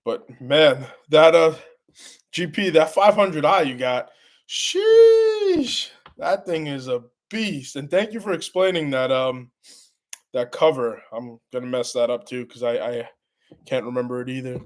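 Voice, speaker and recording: A congested man hosting a casual live stream, rambling and restarting his sentences as he answers the chat. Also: medium pitch. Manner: rambling, halting, many restarts.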